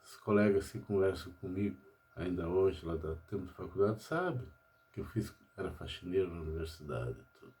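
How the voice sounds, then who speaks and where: Rambling older man, mellow voice. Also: sits low, lively intonation, a little fast. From Brazil. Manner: rambling, tags nearly every phrase with "né?". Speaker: pharmacist. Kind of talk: personal monologue vlog. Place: at home.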